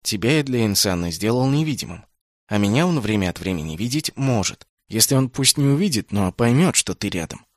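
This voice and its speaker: A man's voice: lowish voice, expressive, fairly quick, no echo, studio quality, close to an everyday voice. A man voicing an earnest, troubled young male mage-warrior who answers hesitantly.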